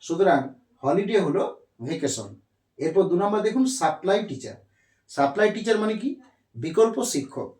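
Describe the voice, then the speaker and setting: A man teaching English vocabulary, speaking slowly, repeating himself and spelling words letter by letter. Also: high voice, big pitch swings, darkish tone. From India. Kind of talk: explaining lesson on a board. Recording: echoey room.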